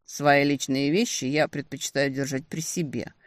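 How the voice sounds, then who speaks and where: A woman's voice: a bass voice, fairly even intonation, moderate pace, no room sound. A woman playing a cocky, possessive male demon in an audiobook, in a mocking, smug tone close to her own voice.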